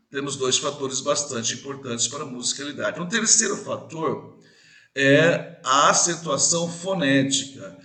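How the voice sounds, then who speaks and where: Bright-voiced male literature teacher. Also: mid-range voice, reverberant. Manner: talks straight to the viewer, checking they follow; reads verses slowly, stressing syllables. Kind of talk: video lesson on poetry.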